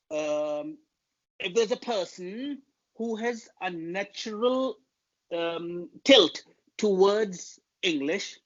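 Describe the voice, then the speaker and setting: A man with a Pakistani accent, a native Urdu speaker, appears as a guest linguist in an interview, discussing public speaking and setting out his points one by one in a measured, emphatic way. His voice is on the high side, and the recording is muffled.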